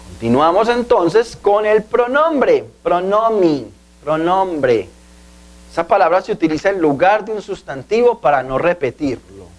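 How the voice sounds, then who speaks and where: Male tutor, slightly raised pitch, patient and repetitive classroom delivery. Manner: patient, repeats key words and asks "¿sí?". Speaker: language teacher. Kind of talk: video language lesson.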